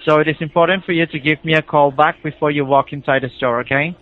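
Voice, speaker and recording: Over a tinny, band-limited phone line, a man with an Indian accent calls to explain a procedure, insistent, repetitive, and persuasive. His voice is a little high and steady, and he speaks quickly.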